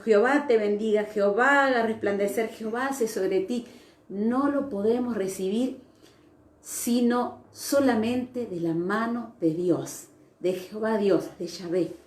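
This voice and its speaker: A woman preaching a sermon at an online church service, speaking in a slow, reflective way with frequent hesitations. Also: a little high, a little mellow, roomy sound.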